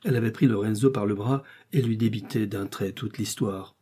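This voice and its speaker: A man narrating a classic adventure story in the first person, in measured literary storytelling. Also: on the low side, dark tone, husky. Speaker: audiobook narrator. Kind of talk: scripted narration.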